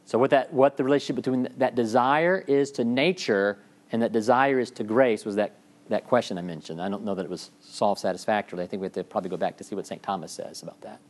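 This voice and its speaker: A man's voice: fairly low pitch, fast talker. A man giving a classroom lecture in a discursive way, with frequent fillers and restarts, often checking in with the class.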